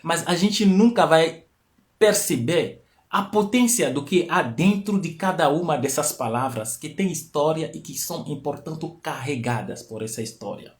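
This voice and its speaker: Through his live stream mic, a man hosts a teaching talk, explaining things, repeating key phrases and rising to emphatic highs. His voice is a little high with lively intonation at a moderate pace; he isn't a native Portuguese speaker.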